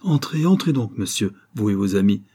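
Man putting on gruff porter guy, old wrestler, broad and stubborn, kinda husky and dark, talks curt and raised. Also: lowish voice, very animated, moderate pace. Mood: apologetic. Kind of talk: audiobook character voice.

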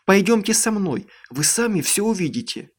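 A frantic teenage girl, her voice pitched high and strained, swinging from begging to shrill shrieks, as a male audiobook narrator puts her on. A storybook figure read aloud, desperate and unheard. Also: moderate pace, natural voice. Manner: shrill, pleading, near hysterical.

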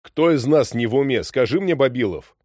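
A man voicing a harried middle-aged sea captain who is anxious and touchy and shouts defensively. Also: mid-range voice, animated, a little fast, no echo, studio quality, close to an everyday voice. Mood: shouting.

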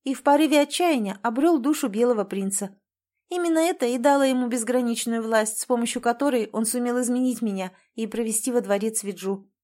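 A woman's voice: on the high side, brisk, mellow, lightly acted. A woman voicing a wry, evasive young woman. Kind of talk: audiobook character voice.

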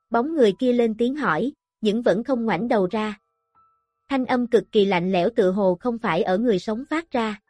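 A woman narrating a martial arts story in a measured, dramatic reading. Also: fairly high pitch, a little mellow, dry recording. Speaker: audiobook narrator. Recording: dry close recording with faint music.

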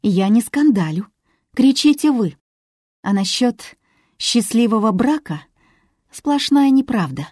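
A woman's voice: fairly high pitch, lively intonation, unhurried, long pauses, a little mellow, dry recording, studio quality, voice pushed up. A woman reading as a hurt young woman who pleads her case in a raised, earnest voice. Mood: defensive.

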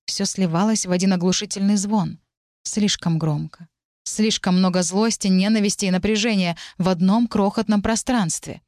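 A woman narrating a first-person novel in an even, measured storytelling voice. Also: mid-range voice, no echo, studio quality. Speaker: audiobook reader.

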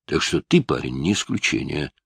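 A man's voice: rumbling low, animated, moderate pace, vocal fry, husky, dry recording, full character voice. A man doing a stern barking detective. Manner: barking, threatening. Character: stern hard-nosed male police detective.

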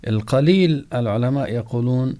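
A man, a sheikh calmly explaining rulings to callers with examples. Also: mid-range voice, a little fast. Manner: calm, explanatory, gives examples. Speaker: sheikh answering callers' questions. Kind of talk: religious call-in answers.

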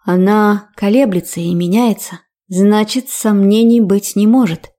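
A woman reading a fantasy romance audiobook aloud in a steady narrating voice. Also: mid-range voice, a little slow.

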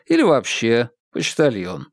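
A man playing a calm, ironic young male detective with a dry, teasing, unhurried manner in an audiobook. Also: mid-range voice, creaky, dry recording, exaggerated voice. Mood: wry.

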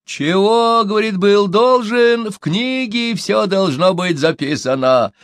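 A man voicing a sly, boastful old male shaman who shouts and chants. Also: mid-range voice, expressive, measured pace, slightly rough, no room sound, studio quality, pitched above the performer's own voice. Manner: shouting, sing-song chanting.

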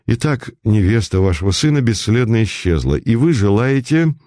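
Guy reading cool calm detective chief, lowish voice, dry sound. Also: moderate pace, no room sound. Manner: calm questioning.

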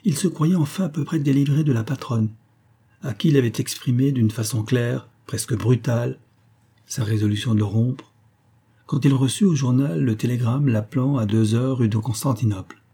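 A man reads a classic novel aloud in a measured, steady storytelling voice. His tone is dark and mellow, with a husky edge. The delivery stays even and unhurried. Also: medium pitch. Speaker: audiobook narrator. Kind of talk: literary audiobook narration.

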